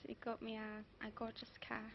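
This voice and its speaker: A woman of twenty answers an interviewer briefly and informally. Her voice is fairly high with a lot of creak. The recording is a dull, slightly noisy old TV broadcast. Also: completely flat delivery, normal speed. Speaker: interviewed supporter.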